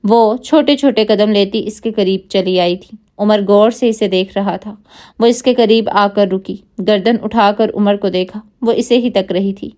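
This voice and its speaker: Woman, audio novel narrator, scripted dramatic storytelling, mid pitch. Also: darkish tone. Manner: reads all characters' dialogue in her own voice.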